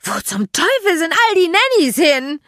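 A woman reading an audiobook, voicing a shrill, foul-mouthed, tipsy woman who shrieks and drags out her words. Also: big pitch swings, no echo, clean studio sound, heavily acted. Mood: shrieking. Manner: shrieking, drawn-out and sharp-tongued.

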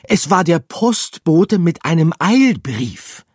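A man puts on a high, squeaky storybook rat lady, out of breath and bursting with news, her voice climbing and cracking as she rushes on. The sound is close and dry, with no room around it. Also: sing-song, a little mellow, breathy edge, dry recording, heavily acted. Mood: excited.

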